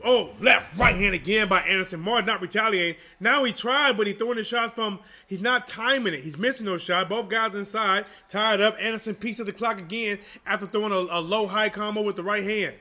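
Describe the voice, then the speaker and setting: A man's voice: sits high, brisk, few pauses, sharp tone. A man doing live boxing commentary as a streamer, in slangy, informal talk aimed at his viewers. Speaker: boxing livestream commentator and channel host.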